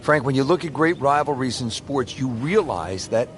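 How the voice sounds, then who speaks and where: A man voicing a golf play-by-play commentator in a video game, with a smooth, measured broadcaster delivery. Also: mid-range voice, animated, a little hiss or hum, natural voice.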